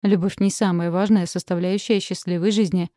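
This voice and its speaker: A woman's voice: on the low side, steady tone, a little fast, mellow, no room sound, clean studio sound, natural voice. A woman voicing a strict, furious middle-aged mother who gives harsh commands in an audiobook. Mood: angry.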